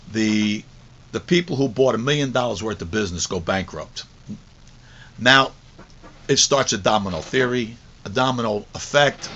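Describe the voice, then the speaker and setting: A mature course teacher, middle-aged or older, gives an autobiographical teaching talk in a conversational, storytelling manner, repeating phrases for emphasis. His voice is mid-range and fairly bright, captured on a dull lo-fi recording.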